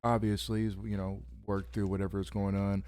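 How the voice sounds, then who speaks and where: A man's voice: lowish voice, level tone, brisk, darkish tone, no room sound, clean studio sound. A man hosting a late-night wrestling podcast from home, speaking in a radio-host style with casual fillers. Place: home at midnight.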